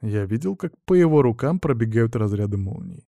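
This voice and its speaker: Mellow male audiobook narrator. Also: mid-range voice, very animated, a little fast, creaky, no echo, clean studio sound. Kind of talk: first-person fantasy audiobook narration.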